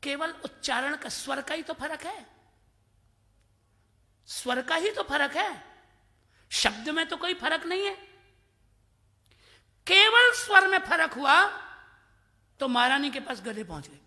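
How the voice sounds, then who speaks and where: A devotional speaker in his fifties from Mathura tells scripture stories and recites Sanskrit verses, slipping into the voices of his characters. His voice is very bright and ringing. Long reverb trails off each line in the hall. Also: extremely high pitch, animated, unhurried, long pauses. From Mathura, India. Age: 50s. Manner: storytelling, quoting Sanskrit verses; acts out voices in his anecdotes. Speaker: religious discourse speaker.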